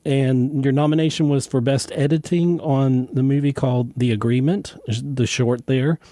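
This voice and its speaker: A man hosting a radio interview, asking questions in a halting, friendly way with many fillers. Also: medium pitch, steady tone, dark tone, no echo, studio quality. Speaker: interview host.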